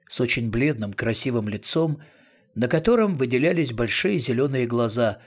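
A man narrating a storybook in a lively, dramatic reading style. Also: mid-range voice, husky.

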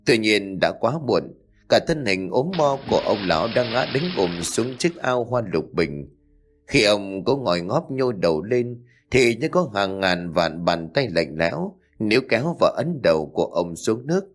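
A man reads a horror story aloud in an expressive narrator style. His voice sits low but moves through a wide, lively range of pitch. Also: moderate pace. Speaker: audiobook narrator.

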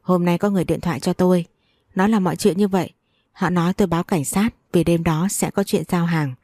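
A woman voicing a calm, guarded young husband who speaks in a level, measured way in a storybook reading. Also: lowish voice, no echo, studio quality.

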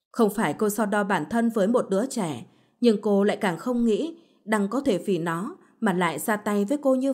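A woman narrates a bedtime story in scripted narration. Her delivery is steady and even throughout. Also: medium pitch, slightly rough.

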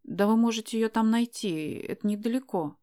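A woman's voice: on the high side, moderate pace, dark tone, voice pushed up, natural voice. A woman reading a shy polite young student girl. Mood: flustered. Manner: polite, hesitant, flustered.

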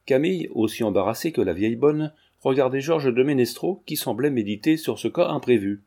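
A man reads a classic novel aloud in an even, measured way. His voice is mid-pitched and mellow, with a dark, relaxed tone. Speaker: audiobook narrator. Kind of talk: scripted narration.

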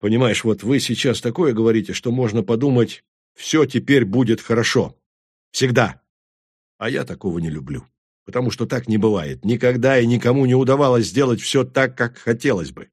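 A man's voice: medium pitch, fairly quick, darkish tone, breathy edge, no room sound, clean studio sound, close to an everyday voice. A man reading an audiobook, voicing a bitter male werewolf warrior who talks bluntly and swears. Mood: grim.

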